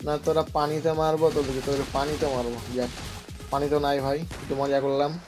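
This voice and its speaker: A young man, a little hoarse, giving rambling, joking commentary on his own gameplay and teasing his opponents. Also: mid-range voice, steady tone, fast, music in the background. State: voice slightly hoarse. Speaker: gaming channel host.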